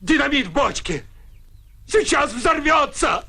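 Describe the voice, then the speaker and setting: An actor playing a jittery villager in a comedy film, shouting panicky warnings. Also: male voice, extremely high pitch, very animated, unhurried, vocal fry, exaggerated voice. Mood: pleading. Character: jittery villager man afraid of explosion.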